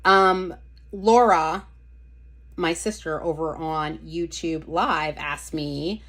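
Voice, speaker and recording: A woman with a somewhat low voice hosts a relaxed live stream, chatting freely with the people watching. She reads their comments aloud and keeps breaking off mid-thought to fetch things or answer someone. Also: takes it slowly. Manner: chatty, easily distracted, talks to viewers and reads comments aloud. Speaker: livestream host showing nail polish. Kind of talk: casual live-stream chat.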